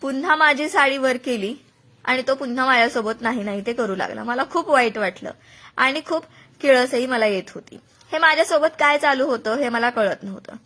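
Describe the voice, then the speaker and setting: A woman's voice: high voice, normal speed, pushed and bright. A woman narrating a dramatic first-person story, reporting what each person said as she goes. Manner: recounts events, voicing others' words within her telling.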